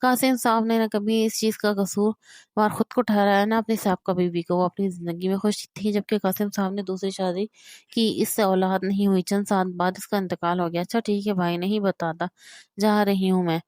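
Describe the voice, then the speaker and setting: A woman narrating a romantic novel in a steady, measured reading voice. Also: mid-range voice, no echo, studio quality.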